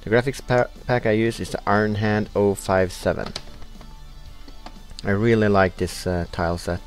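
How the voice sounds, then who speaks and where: With faint music behind him, a young let's play host from Norway speaks in a lowish voice at a moderate pace and with fairly even intonation. His Norwegian-accented commentary on the computer game is casual and hesitant, full of "uh" fillers as he reads the screen aloud.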